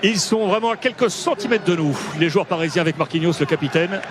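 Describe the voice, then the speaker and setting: A man presenting live from pitchside at a football stadium, switching between announcing and banter. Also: fast. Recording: outdoor stadium noise behind.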